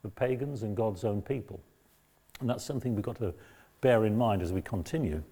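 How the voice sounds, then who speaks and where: A man giving a lecture on a Bible book, reading passages aloud and explaining them in a measured way. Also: on the low side, warm tone. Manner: measured, explanatory, raises voice when quoting. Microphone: battery-powered mic.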